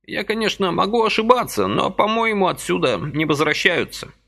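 Audiobook figure: frail fussy old man, high and fluttering, pleading, voiced by a male narrator. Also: very animated, moderate pace, vocal fry, sharp tone, heavily acted.

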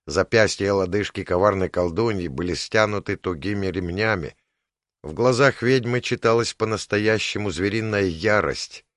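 A man reading an audiobook in scripted narration, measured and even. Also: fairly low pitch, no room sound, studio quality.

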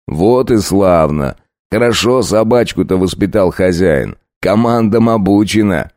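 A man playing a mocking, brutal werewolf bandit leader who talks slowly and sneers. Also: sits low, expressive, darkish tone, no echo, studio quality. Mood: sneering. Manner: slow, sneering, gloating.

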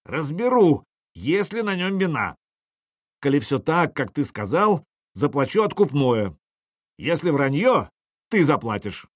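Brief: man playing a stubborn old town elder, husky croak, audiobook. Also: fairly high pitch, very animated, measured pace, dry recording, clean studio sound. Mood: gruff. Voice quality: hoarse, croaking. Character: stubborn hoarse old male city official.

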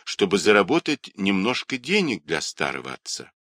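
A man's voice: on the low side, wildly swooping pitch, moderate pace, a bit bright, no echo, studio quality, full character voice. A man voicing a cheeky, poor young boy who hustles for coins, talking brashly and defiantly. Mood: wheedling. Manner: pleading, then brash and defiant.

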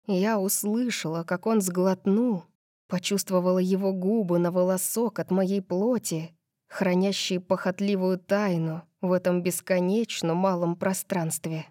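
Casting: female audiobook narrator, first-person story, expressive reads, dry booth sound. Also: mid-range voice, no room sound.

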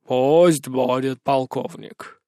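A slow, low-voiced president who hands down orders with heavy authority, as a man reads him. The voice sits lower than the narrator's own tone and stretches out every phrase. The recording is close and dry. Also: steady tone, a little mellow, clean tone, no echo. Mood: commanding. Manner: slow, low, commanding drawl. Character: slow gruff male president, imperious.

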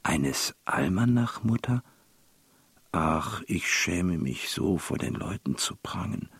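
A man reading aloud and voicing a sad young fairy-tale daughter, pleading in a raised, quicker voice. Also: low voice, very animated, vocal fry, fairly bright tone, slightly rough, dry recording, exaggerated voice. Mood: ashamed. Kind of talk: literary reading.

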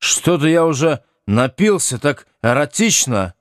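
A man's voice: on the high side, very animated, measured pace, no echo, clean studio sound, pitched above the performer's own voice. A man voicing a proud, blunt teenage boy in an audiobook.

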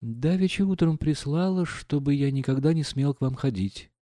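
A man reading an audiobook, voicing a gentle, naive young prince who speaks earnestly and mildly. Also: fairly high pitch, expressive, normal speed, dry recording, studio quality, voice pushed up, natural voice.

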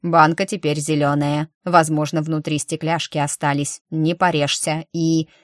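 A woman voicing a sly, kindly old male dwarf cook who talks slowly, calmly and with gentle teasing. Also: low-pitched, no echo, studio quality. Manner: slow, calm and teasing.

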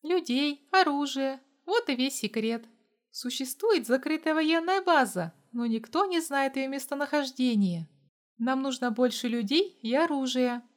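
A sweet but sharp-tempered young woman from an audiobook story, as a woman reader plays her. Her voice sits high and lively, coaxing one moment and snappish the next. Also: unhurried.

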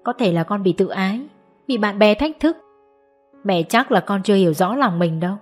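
A woman's voice: mid-range voice, expressive, normal speed, natural voice. A woman voicing a stern but loving middle-aged mother in an audiobook, scolding at times and coaxing at others, over faint music. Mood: gentle coaxing. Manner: scolding, then soft and coaxing. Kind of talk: audiobook character voice.

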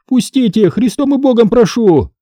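A man reading an audiobook voices a pushy woman trader who shrieks, begs and snaps in a high, strained voice. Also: animated, moderate pace, warm tone, no echo, clean studio sound. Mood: shrieking. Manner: shrill, pleading and bossy.

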